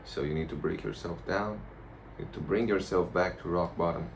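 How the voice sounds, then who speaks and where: A man giving a casual, rambling vlog monologue in a blunt, profane, halting way. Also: low-pitched, gravelly. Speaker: vlogger. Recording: noticeable background noise.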